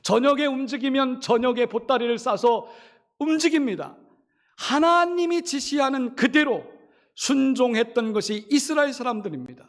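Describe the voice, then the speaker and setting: Pastor, man, sermon, high-pitched, from Chungcheong, acts out quotes. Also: moderate pace, fairly bright tone. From Chungcheong, South Korea. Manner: preaching with rhetorical questions to the congregation.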